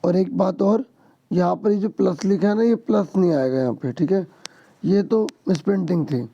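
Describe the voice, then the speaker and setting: A hoarse man teaching an exam-prep lesson to students, explaining step by step and checking in often. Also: high-pitched, moderate pace, mellow, muffled recording. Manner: explains step by step, keeps asking "ठीक है". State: hoarse, sore throat.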